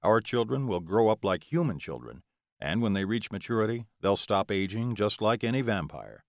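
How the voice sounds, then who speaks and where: A calm, affectionate male vampire, voiced by a male narrator, speaking low and reassuringly. His voice sits deep and is recorded close and dry. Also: moderate pace, no echo.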